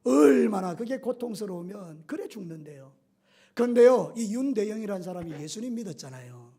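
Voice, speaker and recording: A middle-aged male pastor preaching a sermon with animated storytelling, acting out scenes and voices. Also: high-pitched, moderate pace.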